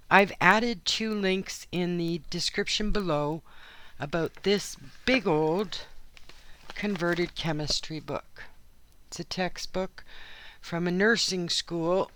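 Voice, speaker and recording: Sitting at the craft table in her home studio, a woman plays in a journal and chats casually in a hoarse, worn-out voice that is fairly low and a bit bright. Like a regular channel host, she rambles easily from one aside to the next, filling pauses with ums.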